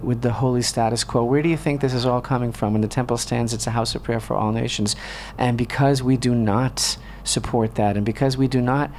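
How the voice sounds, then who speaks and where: Talk radio host, male, mid-pitched, impassioned commentary, indignant rhetorical questions, studio read. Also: darkish tone, a little hiss or hum.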